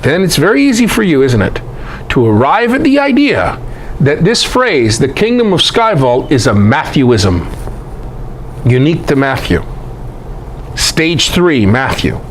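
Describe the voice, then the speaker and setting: Presenting as a Bible teacher, a man delivers an emphatic, irreverent, informal scripture lecture full of rhetorical questions for his audience. His voice is on the high side and very animated, though his pace is measured, with slight background noise.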